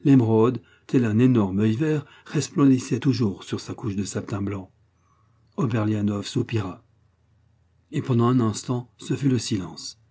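A man reads an adventure novel aloud in steady, measured narration. His voice sits low and sounds dark and mellow, with a husky grain. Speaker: audiobook narrator.

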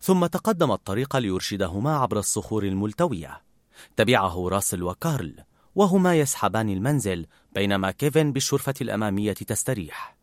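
A man narrating a storybook in an expressive, animated reading. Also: fairly low pitch, quick pace, dry recording, clean studio sound.

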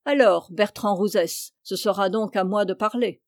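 Calm, stern young accuser, read by a woman; measured, dry sound. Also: medium pitch, no room sound, natural voice. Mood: accusing.

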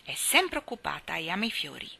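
A woman reading aloud, voicing a gentle, earnest boy paying childish compliments in a storybook. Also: fairly low pitch, big pitch swings, fairly quick, creaky, exaggerated voice.

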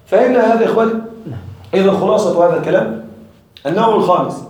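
A man's voice: high voice, very fast, a little mellow. A man teaching an Arabic grammar lesson to a class, explaining patiently and often checking that his students follow. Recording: echoey classroom from far off.

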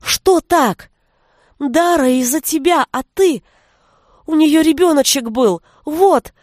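A woman's voice: a little high, steady tone, takes it slowly, a little mellow, no room sound, studio quality. A woman voicing a hurt, tearful young village girl who speaks in a raised, pleading voice. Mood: hurt angry.

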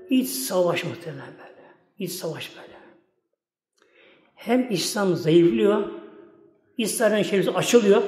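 With a high-pitched, slightly mellow voice, a man preaches in a mosque, telling rambling folksy tales. Again and again he calls the congregation "my esteemed ones" and says "like this," while faint music and long reverb fill the echoey hall.

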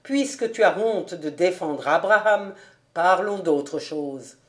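A woman's voice: animated, slow pace. A woman voicing a jovial, good-humoured man who banters with his old friend, in an audiobook reading. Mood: warm. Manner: low, easygoing, bantering.

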